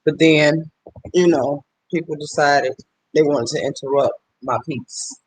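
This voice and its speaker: A man's voice: on the high side, steady tone, measured pace. A man on a livestream, ranting angrily and with lots of swearing while breaking off to greet viewers by name. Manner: profane, heated, stops to greet viewers. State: upset. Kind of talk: angry livestream rant.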